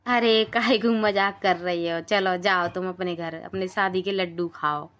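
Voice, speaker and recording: A woman's voice: lowish voice, steady tone, normal speed, fairly bright tone, close to an everyday voice. A woman voicing a teasing young village sister-in-law in a cartoon. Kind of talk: cartoon dialogue.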